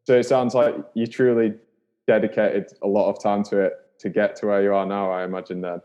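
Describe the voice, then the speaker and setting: A man's voice: lowish voice, level tone, a little fast, mellow, dull audio. A man hosting a podcast, talking in a friendly, chatty way and laughing easily. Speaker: podcast host. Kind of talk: casual interview.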